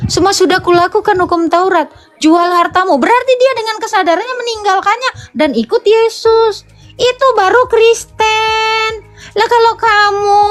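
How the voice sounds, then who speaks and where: Woman, very high voice, blunt, scolding, preachy live talk, faint background music. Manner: scolding, blunt, addresses listeners as Pak and kau. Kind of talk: live-stream preaching and debate.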